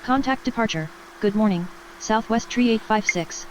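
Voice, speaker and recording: A woman's voice: medium pitch, moderate pace, a little hiss or hum, poor audio. A woman voicing a composed, formal airline pilot, giving clipped readbacks over a pilot headset radio. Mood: composed, procedural. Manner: formal, procedural.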